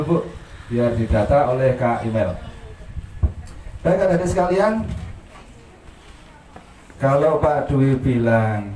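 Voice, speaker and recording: A man hosting a children's coloring contest, leading the kids in energetic call-and-response chants. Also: medium pitch. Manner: energetic cheerleading, chanting and shouting prompts. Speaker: event host and organizer. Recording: echoey far-off PA with loud noise.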